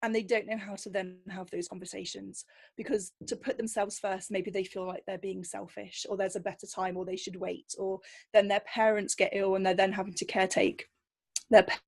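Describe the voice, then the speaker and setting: A woman's voice: medium pitch, flat delivery, a little fast, vocal fry, a little mellow. A woman guest, a kinesiologist, telling anecdotes in a casual interview, often acting out the voices of the people she quotes.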